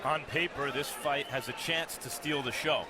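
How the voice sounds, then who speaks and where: A man's voice: on the high side, moderate pace. A man giving analytical sports commentary on a live boxing broadcast. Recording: very noisy arena broadcast.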